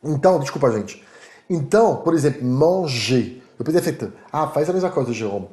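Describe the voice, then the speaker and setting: Animated French man teaching, echoey room. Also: mid-range voice, fairly quick. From Paris, France. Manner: animated, repeats "tá?" to check understanding. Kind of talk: online language lesson.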